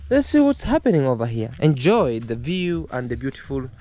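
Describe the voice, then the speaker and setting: A young Kenyan man vlogs casually from his rural home garden, speaking hesitantly with many fillers and restarts. His medium-pitched, mellow voice swings hugely in pitch at a normal pace, and distant music plays in the background.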